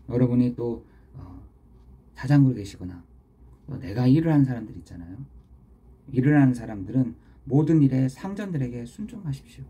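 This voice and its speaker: A middle-aged man preaching an early morning devotional sermon as pastor, earnest, with sudden loud stresses and soft near-whispered asides. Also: mid-range voice, husky.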